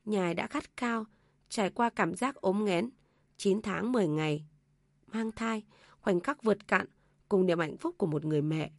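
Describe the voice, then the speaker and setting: Lady reading a sad family story, dry close mic, middle pitch. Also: normal speed, gravelly, no room sound. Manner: emotive storytelling. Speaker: narrator. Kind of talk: scripted story narration.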